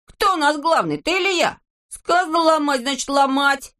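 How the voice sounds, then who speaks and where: Storybook brat voiced by a woman: high, shrill, bossy and boastful little boy, squealing and indignant. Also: big pitch swings, normal speed, fairly bright tone, full character voice.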